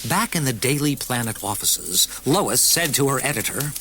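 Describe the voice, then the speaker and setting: A man narrating a children's storybook audiobook with an expressive, varied delivery. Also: medium pitch, normal speed, very noisy.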